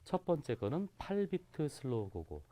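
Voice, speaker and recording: Lively patient male guitar teacher. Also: medium pitch, moderate pace. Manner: patient, counts strokes aloud in a sing-song way. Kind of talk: instructional lesson.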